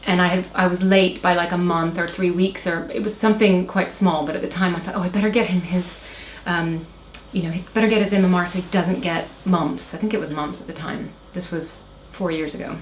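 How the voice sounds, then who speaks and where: An American woman in her thirties from Oklahoma, with a faint Irish lilt, tells a personal story as an interview guest. Her voice is lowish and steady, but she speaks hesitantly, with lots of fillers and restarts. The recording is roomy and echoey, with faint hiss and background noise.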